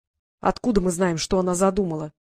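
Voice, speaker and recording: A woman reading the part of a suspicious, sharp-tongued teenage boy in an audiobook, cold and mocking in manner. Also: lowish voice, fairly even intonation, a little fast, natural voice.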